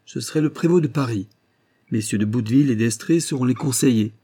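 A man's voice: medium pitch, fast, mellow, natural voice. A man reading aloud, voicing a jovial, commanding noble prince who speaks in a lordly, exclamatory way. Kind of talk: audiobook reading.

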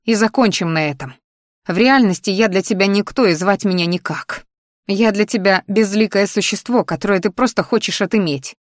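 A woman voicing a defiant young woman who snaps back with sharp, scornful retorts. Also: medium pitch, moderate pace, no echo, clean studio sound, lightly acted.

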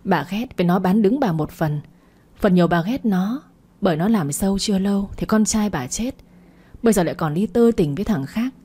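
A woman reading a dramatic family story as narrator, in a steady storytelling way. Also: medium pitch, brisk, husky.

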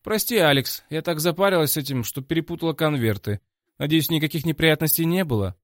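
A man voicing a bubbly, hurried young woman who chatters breathlessly. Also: fairly high pitch, dry recording, clean studio sound, pitched above the performer's own voice, natural voice. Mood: apologetic.

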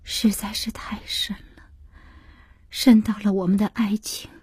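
Woman narrator doing a heartbroken young woman, soft hushed voice, husky, dark, storybook. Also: mid-range voice, little pitch movement, a little slow, no room sound, whispered, studio quality, voice pushed up. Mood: sad, resigned. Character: heartbroken young woman ending her marriage.

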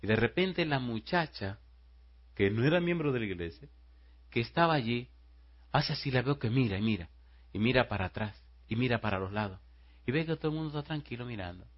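A man preaching a sermon as pastor. He tells stories quietly and then rises into loud rhetorical questions to the congregation. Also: mid-range voice, expressive, brisk, muffled recording.

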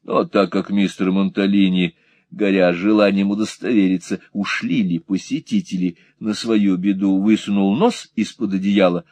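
A man narrating a classic novel in an expressive, theatrical audiobook reading. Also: deep voice, normal speed, no echo. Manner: theatrical, varied delivery.

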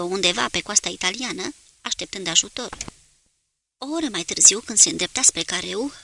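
A woman narrating an audiobook in a steady, clear manner. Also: medium pitch.

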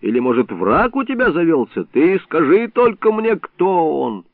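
A man voicing a gruff, hot-tempered old male hunter who scolds and curses, recorded dry with a narrow, phone-like sound. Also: on the high side, sing-song, measured pace, dry recording, pitched above the performer's own voice. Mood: fierce protective. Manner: scolding, cursing, bantering.

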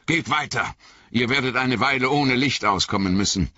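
A man's voice: mid-range voice, normal speed, pushed and bright, dry recording, voice pushed up. A man voicing a stern, commanding old male wizard who barks urgent orders. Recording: slightly dull lo-fi audio.

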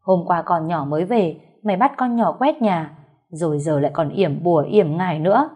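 A woman voicing a hot-tempered older mother-in-law who scolds loudly. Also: on the low side, normal speed, breathy edge. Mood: furious. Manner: loud, scolding, harsh.

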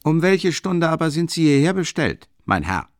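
A man reading an audiobook, playing a hot-tempered male police lieutenant who barks loud commands. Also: a little high, very animated, normal speed, dry recording, studio quality, pitched above the performer's own voice. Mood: shouting.

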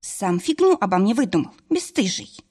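A woman's voice: mid-range voice, sing-song, moderate pace, a little mellow, husky. A woman reading an audiobook, voicing a young pregnant wife who teases and scolds her husband. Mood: triumphant. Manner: teasing and scolding. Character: young pregnant woman, sharp-tongued but tender. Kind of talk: audiobook character voice.

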